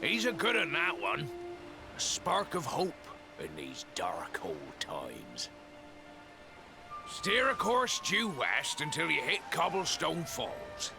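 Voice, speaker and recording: An actor playing a gruff but kindly old sailor-like man in a video game, with folksy, weary speech and a gravelly voice. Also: on the high side, huge pitch swings, slow pace, heavily acted. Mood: kindly advising. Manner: folksy, old salt's dialect. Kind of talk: video game character acting. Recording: game music behind. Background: game music.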